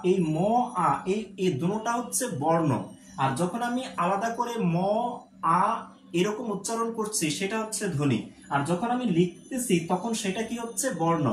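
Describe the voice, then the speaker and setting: An exam-prep teacher gives a live online lesson. The teacher asks questions, answers them, repeats key points and drops English words into the talk. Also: medium pitch. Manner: mixes English words into speech. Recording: echoey room with faint background noise.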